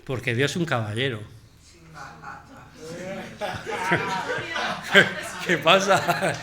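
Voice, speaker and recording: A man preaching a sermon as pastor, chatty and animated, jumping between loud emphasis and quiet asides. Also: fairly high pitch, drawn-out words, over a noisy crowd.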